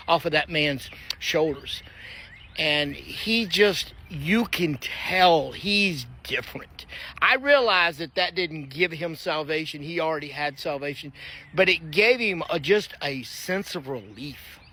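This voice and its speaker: A man's voice: a little high, pushed and bright. Earnest man sharing a testimony. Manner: earnest, conversational, with frequent fillers and restarts. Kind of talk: personal testimony, casual storytelling. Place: backyard, outdoors.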